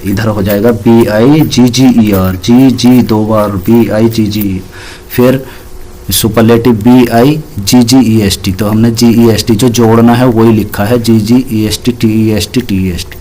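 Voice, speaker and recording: A man's voice: lowish voice, steady tone, slow pace, warm tone. A man teaching an English grammar lesson, patiently explaining rules and spelling words out letter by letter.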